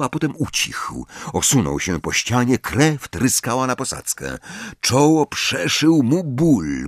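A man narrating an audiobook in a dramatic, expressive reading style. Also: mid-range voice, husky, dry recording, clean studio sound.

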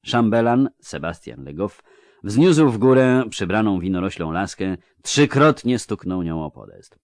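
A man narrating a fantasy novel as an audiobook, in an expressive, measured storytelling manner. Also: fairly low pitch, no echo, clean studio sound.

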